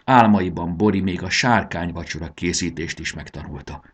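A man narrating a children's storybook in an expressive storytelling manner. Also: sits low, slightly rough.

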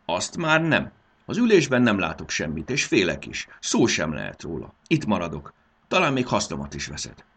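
A man reading aloud and voicing a young fairy girl who is bossy, lively and urgent. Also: deep voice, creaky, breathy edge, voice pushed up, heavily acted. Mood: eager, bossy.

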